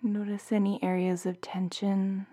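A woman guiding a bedtime meditation in a soft, soothing, half-whispered voice, like a sleep story narrator. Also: mid-range voice, little pitch movement, a little slow. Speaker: meditation guide.

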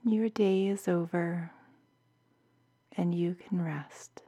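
A woman guiding a bedtime meditation in a soft, soothing, half-whispered voice, like a sleep story narrator. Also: on the low side, steady tone, slow, breathy edge. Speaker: meditation guide.

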